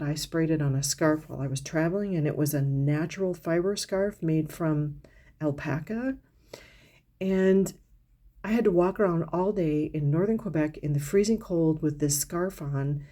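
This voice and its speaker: Low-voiced chatty woman reviewing perfumes. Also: dark tone. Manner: chatty, descriptive, with frequent fillers and restarts. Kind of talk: casual product review vlog.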